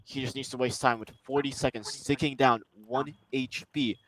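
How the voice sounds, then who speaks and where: A man giving color commentary on an esports match, often hesitant, then rising with excitement on the plays. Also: mid-range voice, moderate pace. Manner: hesitant, many fillers and restarts, rises to excitement on plays. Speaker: esports analyst. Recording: noisy game stream with gunfire.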